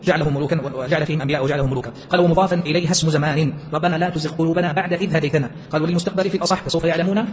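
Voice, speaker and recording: Male teacher, rapid explanatory delivery, slightly dull recording. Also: fairly high pitch, fairly even intonation. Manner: rapid, explanatory, quotes verses in between. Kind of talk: classroom text commentary.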